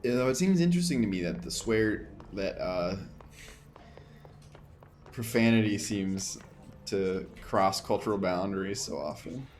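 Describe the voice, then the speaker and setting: A gaming streamer plays a video game for the first time, chatting with viewers in casual let's play commentary. His voice is fairly low with lively intonation and a measured pace, and he thinks aloud while muttering the menu text he reads on screen.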